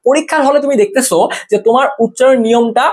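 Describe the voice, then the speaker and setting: Very fast-talking tutor. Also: high-pitched, darkish tone. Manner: rapid, chatty, asks and answers own questions. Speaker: exam-prep tutor. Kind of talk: casual whiteboard lesson.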